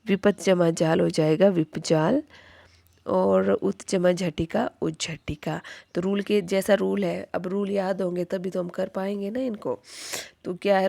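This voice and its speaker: Slow, gravelly-voiced woman teaching grammar. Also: on the low side, a little mellow, dry recording. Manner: repeats each rule as a question, then answers it. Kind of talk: Hindi grammar lesson.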